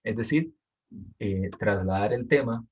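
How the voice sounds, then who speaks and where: A man's voice: on the low side, unhurried, slightly rough, dull audio. A man teaching a class, patiently explaining an assignment and repeating the key points.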